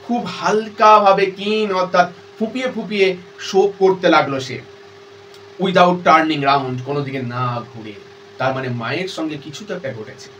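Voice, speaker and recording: A man's voice: high-pitched, fairly bright tone, far from the mic, slight background noise, rough recording. A man teaching a class with a Bengali accent, reading lines of an English play aloud and then explaining them.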